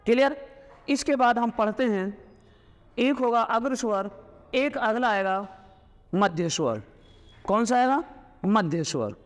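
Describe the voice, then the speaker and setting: A man with a high voice gives a classroom lecture, sounding out vowels loudly to demonstrate them. He asks his students questions, answers them himself and dictates slowly with repeats. The room has a long, ringing reverb. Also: lively intonation. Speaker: teacher.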